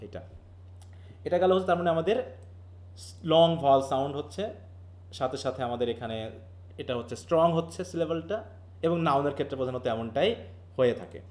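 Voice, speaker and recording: A man's voice: mid-range voice, brisk, long pauses, a little mellow. Man teaching a live class. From Bangladesh. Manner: explains patiently and keeps quizzing students; mixes English terms and sentences into his talk. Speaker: English linguistics teacher. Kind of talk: live online class lecture.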